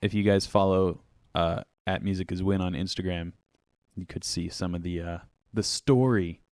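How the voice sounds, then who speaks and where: Speaking in a low, steady, slightly mellow voice, this man runs a music podcast from home. After an ad read, he banters jokingly with his co-host and draws out words for emphasis, recorded on a close studio microphone with a dry sound and no room tone.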